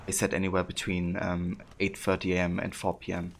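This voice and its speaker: A young man chatting casually and haltingly as he livestreams a game and answers his viewers. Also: sits low, monotone, creaky, a little hiss or hum. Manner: hesitant, pausing, reads chat aloud. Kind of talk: casual game-stream chat.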